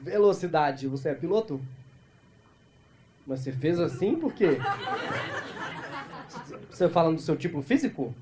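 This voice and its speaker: A man from Brazil doing improvised stand-up crowd work, talking fast and teasing the audience on a club stage. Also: on the high side, very animated. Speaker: stand-up comedian. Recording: live club recording with audible crowd noise.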